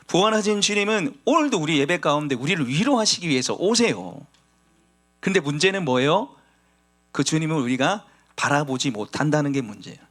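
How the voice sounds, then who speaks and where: A man's voice: on the high side, a bit bright. A man preaching a sermon as pastor, speaking emphatically and acting out quoted lines.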